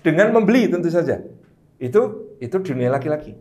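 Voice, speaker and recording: A man's voice: on the high side, a little fast. A man preacher in a casual religious talk, telling stories and acting out the quotes. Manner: storytelling, animated with acted quotes. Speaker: Islamic preacher guest. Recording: roomy echo.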